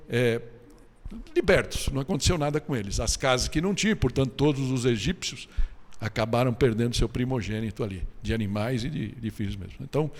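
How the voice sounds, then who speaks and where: Brazilian pastor preaching in a reverberant hall. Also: male voice, mid-range voice. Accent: Brazilian Portuguese. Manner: conversational preaching with frequent tag questions. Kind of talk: sermon. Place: church hall.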